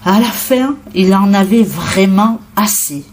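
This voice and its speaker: A woman reading a children's storybook aloud as narrator, expressive and unhurried. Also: mid-range voice. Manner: expressive, unhurried, sing-song.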